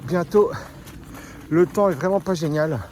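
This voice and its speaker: Between climbs on his rainy hill repeats, a French trail runner chats casually to the camera for his vlog. His voice is on the high side and darkish in tone, unhurried, with slight background noise.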